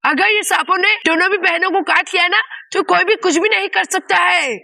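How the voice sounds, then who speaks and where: A woman playing a sarcastic, gravelly teacher. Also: very high voice, moderate pace, pushed and bright, no echo, studio quality, heavily acted. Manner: sarcastic, questioning. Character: sarcastic, suspicious female teacher. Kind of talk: doll story play-acting.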